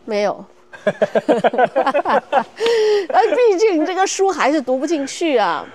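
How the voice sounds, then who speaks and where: A woman from China in her thirties, telling her story as an interview guest in a lively, candid, self-mocking way. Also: sits high, a little slow, crowd noise. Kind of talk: casual interview chat.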